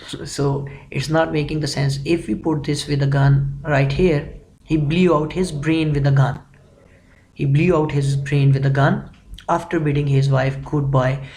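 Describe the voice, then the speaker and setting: A man's voice: on the high side, level tone, a little slow, a little mellow, low-quality recording. A man giving an explanatory grammar lecture, methodically working through examples and repeating phrases. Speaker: English grammar teacher.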